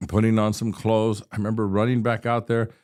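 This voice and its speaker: Low-voiced man in his sixties recounting a story. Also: level tone, a little fast, darkish tone. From Texas. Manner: earnest, vivid retelling with frequent restarts. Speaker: state representative, podcast guest. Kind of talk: personal storytelling in an interview.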